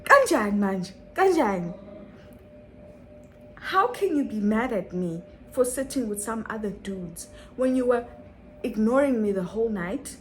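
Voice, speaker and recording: A woman's voice: on the high side, animated, normal speed, a little mellow, faint music behind, poor audio. A young woman telling a dramatic story on her vlog, full of rhetorical questions and repetition. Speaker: vlogger.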